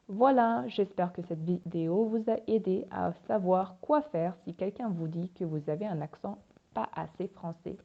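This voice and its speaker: A woman hosts a podcast with a calm, encouraging scripted monologue that speaks directly to her listeners. Her voice has a gravelly fry at the ends of phrases. The recording sounds a little dull and lo-fi. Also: medium pitch. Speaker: podcast host and French teacher.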